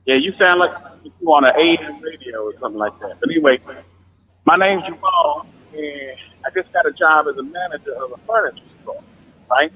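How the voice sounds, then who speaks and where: A man's voice: fairly high pitch, expressive, brisk, breathy edge. Man on a tinny phone line. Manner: casual, plain-spoken, asking for advice. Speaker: caller. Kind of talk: call-in question to a live show.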